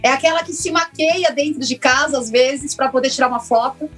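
A woman, a former lawyer now working as a therapist, telling her personal story in an interview in a reflective, earnest way with many pauses. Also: high-pitched, a bit bright, soft background music. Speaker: interview guest, former lawyer turned systemic constellation therapist.

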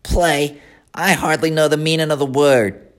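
A man's voice: on the high side, fairly even intonation, a little slow, fairly bright tone, pitched above the performer's own voice. A man doing a sour, crafty old rat. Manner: sour, disdainful. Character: sour, gluttonous male rat, crafty and sneering.

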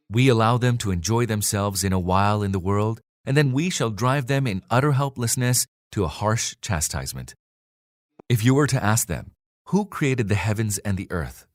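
A man reading a scripture translation aloud in a measured, solemn way. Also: on the low side, no room sound, studio quality. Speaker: scripture reader.

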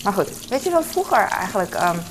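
A woman's voice: mid-range voice, big pitch swings, brisk, background noise. A woman in her forties with a Hong Kong Cantonese accent, chatting casually and rambling while doing household chores. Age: 40s. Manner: rambling, lots of fillers. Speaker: mother.

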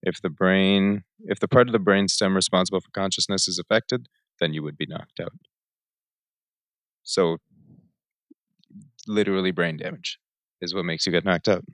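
Man, podcast co-host, deep voice, dry close sound, teasing and matter-of-fact. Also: steady tone, normal speed, long pauses, fairly bright tone, no room sound. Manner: dry, teasing interjections, then plain explaining. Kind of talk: casual chat.

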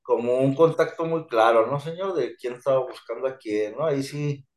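A man's voice: medium pitch, moderate pace. A man with a Mexican Spanish accent hosting a podcast, talking in slangy, joking casual chat. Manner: slangy, joking, reacts loudly. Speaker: podcast host. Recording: echoey room.

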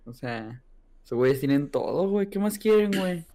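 A young Mexican man trades slangy jokes in a casual podcast chat. His voice sits a little high for a man. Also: lively intonation, normal speed, dark tone. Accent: Mexican Spanish. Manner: slangy, says güey a lot.

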